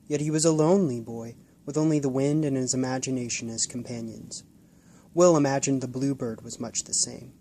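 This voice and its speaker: Male storyteller, calm and gentle, mellow tone, faint hiss. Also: medium pitch, a little fast. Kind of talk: scripted narration.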